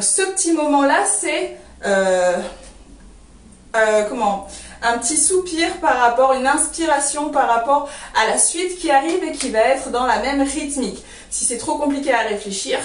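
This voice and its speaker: A woman's voice: high voice, slight background noise. A woman teaching a belly dance routine, calling out moves and counts as she demonstrates, checking in reassuringly with her students. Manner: counts steps and names moves while demonstrating; reassuring, often asks "d'accord?". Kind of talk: online belly dance class. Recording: roomy, far from the mic.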